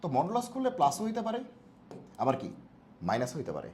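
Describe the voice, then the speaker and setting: A man tutoring math for an exam, fast and playful, using jokey homely analogies. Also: a little high, huge pitch swings, a little mellow, a little hiss or hum. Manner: talks fast on purpose. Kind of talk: exam-prep math lesson.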